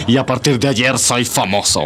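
Sneering, menacing terrorist villain. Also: male voice, mid-range voice. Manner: sneering, threatening, with mocking chuckles. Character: menacing, fanatical male terrorist gunman, mocking and boastful. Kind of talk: radio drama acting.

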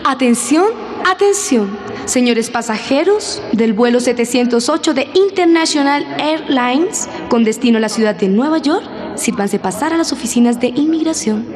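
An actress playing a formal airport announcer, making measured flight announcements in a radio drama. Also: female voice, high-pitched, expressive, darkish tone, long reverb tail. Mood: formal, announcing. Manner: formal, measured, repeats calls for attention. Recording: busy crowd noise behind the voice.

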